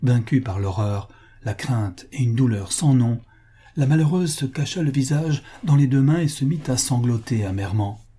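A man narrating an adventure novel aloud in a steady, measured storytelling manner. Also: medium pitch, husky. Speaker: reader. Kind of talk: audiobook narration.

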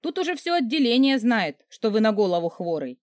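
A woman reading a flustered young woman, squeaky, teasing, animated, dry recording. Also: a little fast, no room sound. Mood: cheeky. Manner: pleading, cheeky, squeaky.

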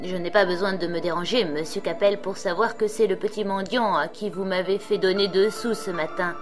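A woman's voice: mid-range voice, fairly even intonation, brisk, over music, natural voice. Woman reading a scornful fussy servant man. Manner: mock-indignant, sputtering scorn. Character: sly, fussy male servant, middle-aged.

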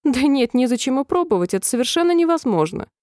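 Polite curious little girl in a storybook, voiced by a lady reader, a bit higher, dry and close. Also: very animated, quick pace, no echo. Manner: polite, gently puzzled questions.

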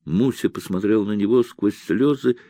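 A man reading an audiobook in a measured, expressive narrating style. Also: fairly low pitch, no room sound, clean studio sound. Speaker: audiobook reader. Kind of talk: scripted narration.

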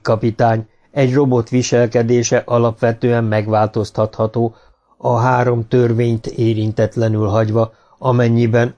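A man reading an audiobook who voices a calm, humanlike male robot explaining things politely and logically. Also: lowish voice, close to an everyday voice.

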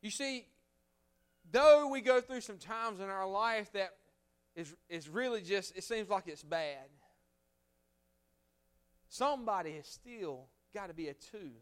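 A man preaching a revival sermon as a guest preacher, swinging from loud fervent exhortation to hushed storytelling. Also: high-pitched, animated, a little slow, long pauses, clear, resonant tone. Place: church sanctuary.

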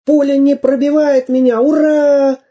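A narrator voicing Samodelkin, a brave little iron man from a children's storybook, in a high, cheering voice. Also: flat delivery, unhurried, mellow. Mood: triumphant. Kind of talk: audiobook character voice.

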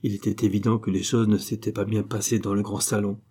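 A man narrating a classic novel in a calm, even reading voice. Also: lowish voice, fast, slightly rough. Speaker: audiobook narrator.

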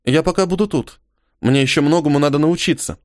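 A man's voice: on the high side, fairly quick, no room sound, clean studio sound, pitched above the performer's own voice, natural voice. A man lifting his voice for a careful young woman. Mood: earnest. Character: cautious young woman, earnest and eager. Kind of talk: audiobook character voice.

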